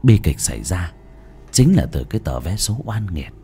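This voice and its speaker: Man, storyteller, husky voice, lowish pitch, wide swooping intonation. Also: very animated, normal speed, mellow. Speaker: narrator. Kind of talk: scripted storytelling narration.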